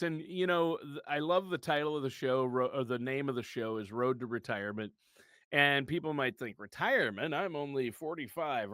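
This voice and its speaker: Brief: fifties male co-host, mid-pitched, dry close sound, chatty and jokey. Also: fairly bright tone, no echo. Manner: chatty, joking, laughs often. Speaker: podcast co-host. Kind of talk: casual podcast chat.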